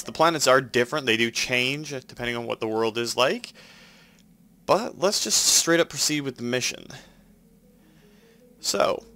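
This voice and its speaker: This medium-pitched male voice has a sharp edge, belonging to a let's play host with a Canadian accent. A head cold leaves him nasal as he casually talks through his gameplay, explaining each move.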